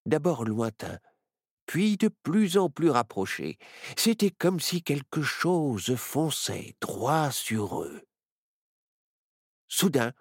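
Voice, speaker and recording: A man narrating a children's story in an expressive, playful way. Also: on the high side, slightly rough, no room sound, studio quality.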